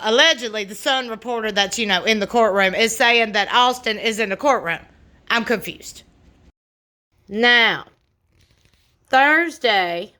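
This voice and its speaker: Bright, high-voiced woman vlogger. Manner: sassy, folksy asides. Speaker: vlogger commenting on trial news. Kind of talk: news recap with casual commentary.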